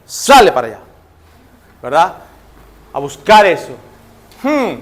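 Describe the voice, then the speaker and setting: High-voiced Nicaraguan pastor preaching. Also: male voice, sing-song, slow. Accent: Nicaraguan Spanish. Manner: conversational, acting out scenes, rhetorical questions. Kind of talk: sermon.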